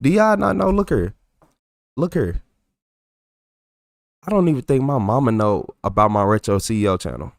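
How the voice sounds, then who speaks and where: A young adult man with a thick Texas accent chats loosely on a livestream, reading and reacting to comments from his chat. His mid-range voice is creaky, with lively intonation, a moderate pace and long pauses. The recording is clean studio sound with no echo.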